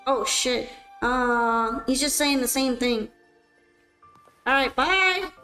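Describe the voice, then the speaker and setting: A woman's voice: sits high, expressive, takes it slowly, bright, forceful tone, soft background music, poor audio. A woman streamer chatting casually with her viewers while playing, self-mocking and answering questions. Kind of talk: casual chat while gaming.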